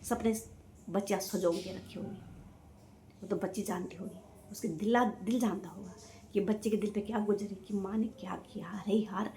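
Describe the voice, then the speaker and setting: A woman's voice: medium pitch, fairly even intonation, normal speed, warm tone, a little hiss or hum. An older woman from Uttarakhand giving impassioned, scolding commentary on her vlog, repeating her points with indignation. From Uttarakhand, India. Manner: indignant, scolding, emphatic repetition. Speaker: vlogger.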